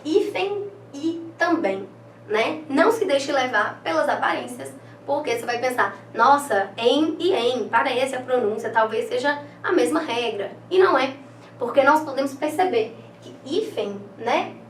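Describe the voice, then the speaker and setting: A woman with a Brazilian accent gives a recorded exam-prep lesson in a light, slightly high voice. She speaks in a loose, chatty way, full of fillers and "né?" tags. The sound is roomy and a bit distant, with faint ambience behind her. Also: expressive, moderate pace, slight background noise. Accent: Brazilian Portuguese. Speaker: online exam-prep teacher.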